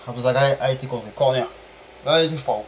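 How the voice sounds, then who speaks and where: A man streaming a football management game live, chatting to viewers, apologizing for stream bugs and calling plays with bursts of excitement. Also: mid-range voice, quick pace, slight background noise, low-quality recording. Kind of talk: live gameplay commentary.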